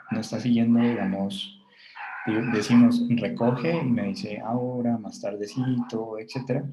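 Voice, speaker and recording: A man with a Colombian Spanish accent lectures to a class. His voice is dark and mellow, and he explains patiently, thinking aloud with fillers and restarts. The room is roomy and echoey. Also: medium pitch, dull audio.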